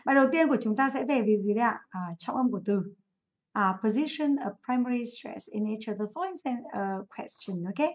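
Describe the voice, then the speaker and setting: A woman with a fairly high voice runs a live online English class. She talks in a chatty way and keeps asking students to comment. She corrects her own slips as she goes. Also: fairly quick. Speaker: English teacher. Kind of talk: live online class, going over an exam.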